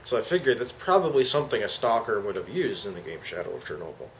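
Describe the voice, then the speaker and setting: A man's voice: fairly low pitch, big pitch swings, quick pace, fairly bright tone. A man giving a casual, slangy product demonstration as an amateur reviewer. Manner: informal, slangy. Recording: clear background noise.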